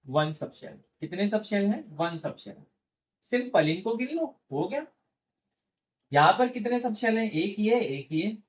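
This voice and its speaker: A man teaching chemistry in a classroom-style lecture, asking questions and answering them himself, slowing down to spell out formulas, and gently teasing his students. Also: sits high, very animated. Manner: asks questions and answers them himself, repeats key terms; playfully teasing toward students.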